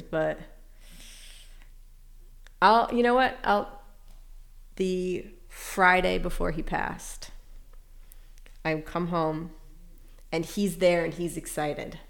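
A woman's voice: on the low side, steady tone, slow pace, gravelly, long pauses. A woman speaking as an interview guest, candid and reflective, often breaking into light laughter as she tells her story. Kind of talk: casual emotional interview.

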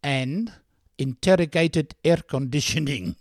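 A man's voice: on the high side, a little slow, no room sound, clean studio sound, lightly acted. A man voicing a bumbling older car dealer who muddles his words while phoning in ads. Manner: muddles words, repeats "are you with me".

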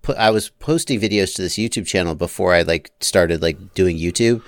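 A man chatting as a guest on a casual podcast. His voice is low and smooth, a practiced radio voice, and he talks in a relaxed, joking way. The sound is dry, with no room around it. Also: brisk, no echo. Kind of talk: casual chat.

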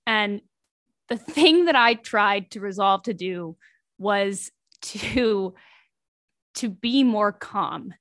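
A woman's voice: medium pitch, lively intonation, slow pace, pauses often, fairly bright tone, no echo, clean studio sound. A young woman in her twenties on a podcast panel, talking candidly and reflectively, with many likes. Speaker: podcast panelist, grad student. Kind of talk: casual podcast chat.

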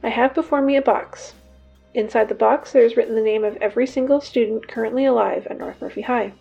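An actress playing a composed high school student who makes a formal, solemn address over the school intercom. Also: female voice, fast talker, creaky, husky, muffled recording, faint music behind, full character voice. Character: composed young woman high school student making announcements. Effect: speaking over a school intercom (PA system).

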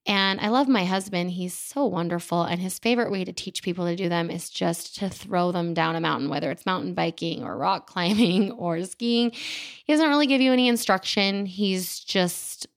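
Woman, 30s, podcast host, casual monologue, candid and self-deprecating, smooth clear voice, close microphone. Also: fairly low pitch, normal speed. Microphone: studio microphone.

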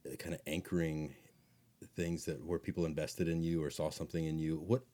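A man hosts an interview in a relaxed way, affirming his guest and following up with careful questions. His voice is very deep and mellow. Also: a little fast. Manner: attentive, affirming, asks probing follow-up questions. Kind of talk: casual interview.

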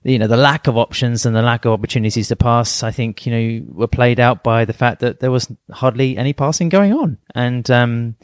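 A middle-aged podcast co-host chats casually in a mid-range, clean-toned voice, fairly quick with hardly any pauses. He thinks aloud in a rambling way full of fillers. The studio sound is clean with no room noise.

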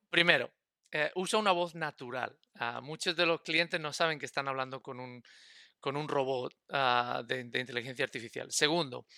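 A man's voice: fairly high pitch, gravelly, bright, forceful tone, clear, resonant tone, no echo, studio quality. A man, a podcast guest, explaining a technical topic in a stop-start way, repeating words as he thinks. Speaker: guest expert.

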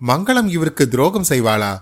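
A man narrating a short story as a podcast storyteller, in a steady, measured reading. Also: fairly high pitch.

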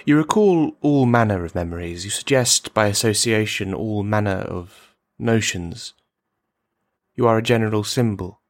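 In a radio play monologue, a man with a somewhat low, natural voice speaks at a moderate pace. He plays a bitter, brittle, menacing army veteran who rambles and broods at a silent listener, and the mood is cold and probing.

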